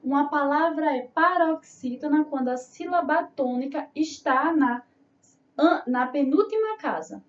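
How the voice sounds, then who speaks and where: A woman's voice: high voice, unhurried. A Brazilian woman teaching young children, drawing out syllables and answering her own questions in a sing-song way. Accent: Brazilian Portuguese. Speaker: primary school teacher. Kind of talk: remote class for children. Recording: roomy, distant, dull lo-fi sound.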